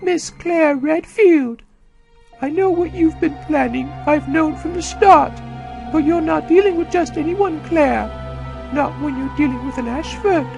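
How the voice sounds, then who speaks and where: Unhinged aristocrat villain, pinched and sneering, very high register, music bed. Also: male voice, unhurried, gravelly, full character voice. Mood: haughty. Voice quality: pinched, snobby, jeering. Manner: haughty, theatrical pronouncements. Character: snobby, unhinged young male aristocrat villain.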